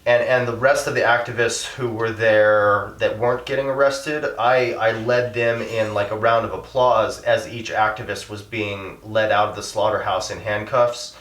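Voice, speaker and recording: A man with a low voice speaks haltingly, full of fillers, and gets choked up as his pitch climbs. He is recorded in an echoey room, set back from the mic. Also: steady tone, a bit bright, recorded from a distance. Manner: halting, many fillers, voice rising when upset. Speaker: interviewee, animal rights activist. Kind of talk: emotional interview.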